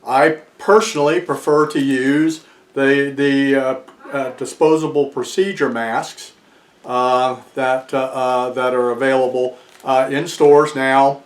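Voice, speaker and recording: A man's voice: medium pitch, steady tone, takes it slowly. An American man in his sixties giving a casual explanatory talk to camera. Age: 60s. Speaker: video presenter. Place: small furnished room indoors, seated in armchair. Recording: echoey small room.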